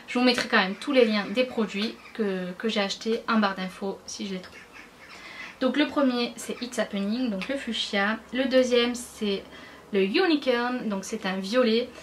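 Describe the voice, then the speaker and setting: A chatty woman beauty vlogger from France, talking through her haul in a slightly high voice. Her speech is casual and enthusiastic, full of fillers and restarts. There is a faint hiss of noise behind her. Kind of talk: casual haul video chat.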